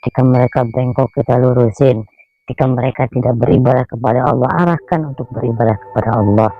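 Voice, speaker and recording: A man's voice: medium pitch, fairly even intonation, quick pace, gravelly. A man, a spiritual healer, giving an earnest, admonishing talk in a dull lo-fi recording.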